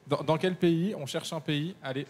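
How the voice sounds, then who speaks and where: A man co-hosting a live quiz, reading questions slowly and carefully with fillers in between. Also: a little high, a little mellow, in a large hall.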